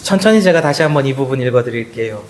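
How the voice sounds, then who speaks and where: A man preaching a Sunday sermon as pastor, swinging his voice high and low and talking straight to the congregation. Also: lively intonation, fast talker. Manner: addresses the congregation directly. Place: church sanctuary. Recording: echoey church sanctuary.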